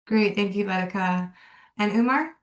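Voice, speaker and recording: A woman moderating an online panel in an upbeat, brisk way. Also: mid-range voice. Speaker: webinar moderator. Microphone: video call. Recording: echoey room.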